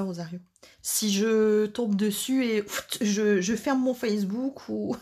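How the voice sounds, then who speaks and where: A woman's voice: medium pitch, slightly rough. Chatty woman demonstrating card crafts. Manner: chatty, joking asides to viewers. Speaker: card-making live host.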